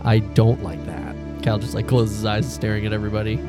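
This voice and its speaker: A man's voice: lowish voice, monotone, brisk. A man playing a tabletop game, talking casually as he acts and describes his character. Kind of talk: casual improvised role-play chat. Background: faint music.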